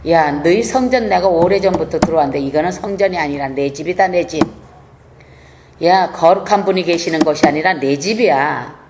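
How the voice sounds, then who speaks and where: A woman's voice: deep voice, moderate pace, noisy background. A woman pastor voicing a bossy, mocking demon that refuses to leave a person, within a sermon. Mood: possessive. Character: taunting demon clinging inside a person.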